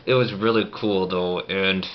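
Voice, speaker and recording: Male vlogger, lowish voice, casual chat through a wired-shut-style clenched jaw, noticeable background noise. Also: steady tone, unhurried. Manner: talking through a banded-shut jaw, teeth held together. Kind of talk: casual personal vlog chat. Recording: muffled lo-fi audio, clear background noise.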